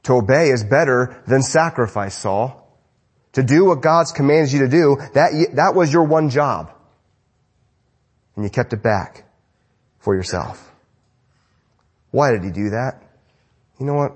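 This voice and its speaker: A male pastor preaching a sermon in an animated, conversational way. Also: medium pitch, a little slow, pauses often, slightly rough.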